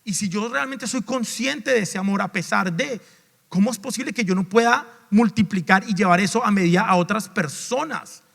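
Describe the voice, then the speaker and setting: A male pastor preaching a sermon, swinging between raised emphatic lines and low asides, with restarts and repeated words. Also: moderate pace, vocal fry, fairly bright tone. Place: church sanctuary. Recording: long reverb of a large church hall.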